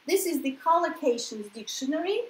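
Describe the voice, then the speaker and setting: Talking fairly quickly in a high voice with lively intonation, a Russian-born woman with a Russian accent teaches English in a loose, conversational lesson. She often checks in with "yeah?" while explaining, and the sound is roomy.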